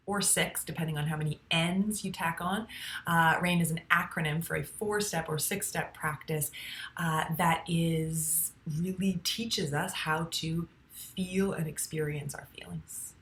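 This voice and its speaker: A woman in her thirties talks through a therapy idea in a relaxed, teaching way and makes playful little sounds to help it stick. Her voice sits a bit low but is bright and clear. The room around her rings with echo. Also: slight background noise. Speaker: psychotherapist and podcast host. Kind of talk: casual explanatory monologue.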